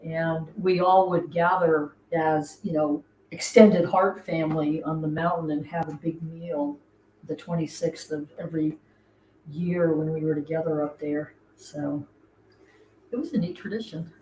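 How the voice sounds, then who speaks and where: A middle-aged woman hosts a livestream in an easy, chatty way, often breaking into giggles as she greets viewers. Her voice sits a little low and sounds a bit roomy, with faint noise in the background. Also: level tone, unhurried, mellow. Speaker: host. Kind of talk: casual livestream chat. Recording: echoey room, faint noise.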